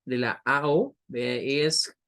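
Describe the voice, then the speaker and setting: A man's voice: mid-range voice, steady tone, takes it slowly, gravelly, a bit bright. A male teacher giving an online class, patiently explaining English vowel sounds and repeating example words to model them.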